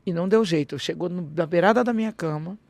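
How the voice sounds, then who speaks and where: A woman with a gravelly voice recounts a personal experience as a podcast guest. She talks animatedly and acts out the dialogue, stumbling and restarting often. The sound is dry and close, with no room behind her. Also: on the low side, quick pace, darkish tone, no echo. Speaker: interview guest. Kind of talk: personal storytelling in a podcast interview.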